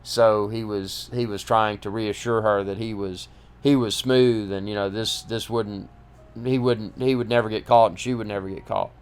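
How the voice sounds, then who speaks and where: Smooth-voiced man telling his story. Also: fairly low pitch, steady tone. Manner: halting, many restarts and fillers. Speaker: podcast host recounting personal story. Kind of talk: casual first-person storytelling.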